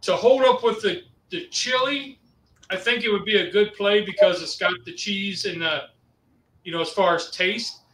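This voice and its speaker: A man's voice: high-pitched, moderate pace, a bit bright, reverberant, poor audio. A man on a landline phone, co-hosting a live cooking stream in easygoing, rambling chat. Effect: over a landline phone.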